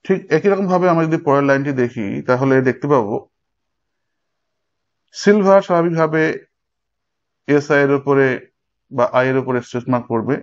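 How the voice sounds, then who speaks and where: A man's voice: medium pitch, normal speed, long pauses. A man teaching an exam-prep lecture, explaining step by step and speaking straight to his students. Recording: dull lo-fi recording.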